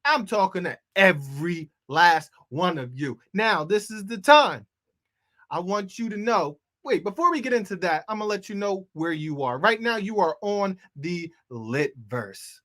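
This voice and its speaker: A man's voice: high voice, expressive, a little slow, pushed and bright. Hyped man hosting a live comedy show. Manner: hyped, loose, talks straight to the audience. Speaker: host.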